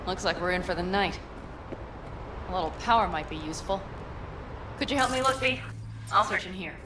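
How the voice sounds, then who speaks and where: A woman's voice: fairly low pitch, brisk, roomy sound, background noise, close to an everyday voice. An actress voicing a blunt, fiery young nomad woman in a video game, often swearing. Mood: dry weary. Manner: blunt, swears, shouts in the chase. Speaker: game character. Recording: game audio under loud music and gunfire.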